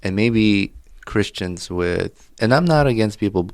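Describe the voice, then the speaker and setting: Deep-voiced man in casual podcast chat. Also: lively intonation, a little mellow, no echo, studio quality. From Azerbaijan. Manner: opinionated, halting with restarts. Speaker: podcast co-host.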